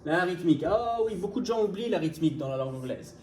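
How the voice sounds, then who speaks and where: A man teaching English pronunciation in an online video lesson, speaking in a lively, informal way to the viewer and demonstrating English phrases. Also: fairly high pitch, fast talker. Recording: echoey room, faint background noise.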